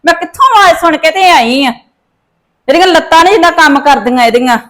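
A woman playing a long-suffering, sharp-tongued older village mother in a family drama, grumbling. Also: sits high, lively intonation, a little fast. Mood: irritated scolding. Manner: complaining, grumbling. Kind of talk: acted family drama dialogue.

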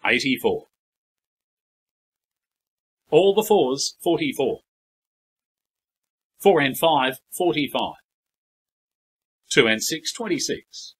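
A man's voice: mid-range voice, animated, slow pace, long pauses, a bit bright, husky. A middle-aged man working as a bingo caller, reading out numbers digit by digit in a set pattern. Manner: formulaic digit-by-digit number calling.

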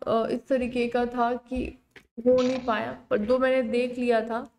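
High-voiced excited woman streamer. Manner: quick excited callouts. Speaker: streamer playing a mobile shooter. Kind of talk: casual gaming voice chat. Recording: noisy game stream with gunfire.

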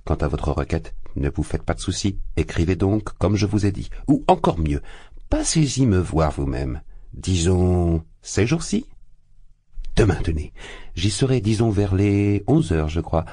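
A man's voice: low voice, expressive, a little slow, mellow, husky, no room sound, studio quality, pitched above the performer's own voice, full character voice. A man voicing a sly, affable magistrate who talks with chatty, feigned good humor. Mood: jovial. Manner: jovial, chatty, feigned bonhomie. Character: affable sly middle-aged male magistrate.

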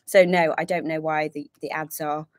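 Low-pitched woman, chatty livestream co-host in a camper van, rambling and apologetic. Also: level tone, moderate pace, crowd noise. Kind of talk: casual livestream chat.

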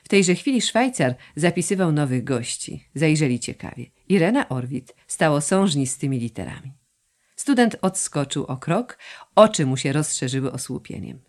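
Expressive woman narrating an audiobook. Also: low-pitched, normal speed. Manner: expressive, storytelling. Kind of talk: scripted narration.

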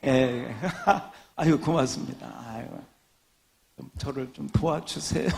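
Gravelly, joking preacher. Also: male voice, mid-range voice, slow pace. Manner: joking, animated storytelling. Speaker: pastor. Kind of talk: sermon.

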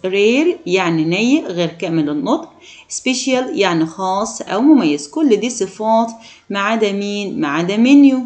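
A woman with an Egyptian Arabic accent teaching an English lesson to children, repeating each word slowly and asking the pupils questions. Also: medium pitch, darkish tone. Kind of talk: classroom lesson explaining vocabulary.

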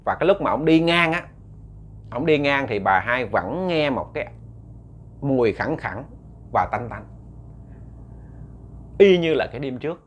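Chatty Southern Vietnamese ghost storyteller. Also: male voice, medium pitch, lively intonation, unhurried, long pauses. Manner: chatty, addresses listeners directly. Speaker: storyteller host.

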